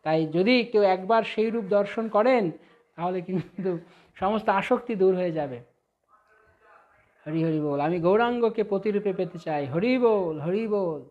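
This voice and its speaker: Man, devotional preacher, high voice, muffled lo-fi stream, fervent, chants hymn lines. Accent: Bengali. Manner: breaks into slow melodic chanting of hymn verses; fervent, rising loud and high on ecstatic phrases. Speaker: preacher leading an online class. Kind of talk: devotional sermon with sung verses.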